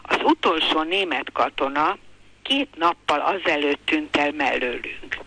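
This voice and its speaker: An older woman reading a passage from her own memoir aloud in a calm, measured way. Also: low voice, poor audio.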